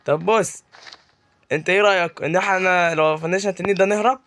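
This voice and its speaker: Speaking quickly in a high, fairly bright voice with a steady tone, this young man gives casual commentary on his gameplay. He's a gaming YouTuber with an Egyptian Arabic accent, joking and chatty, addressing the game mobs as though interviewing them.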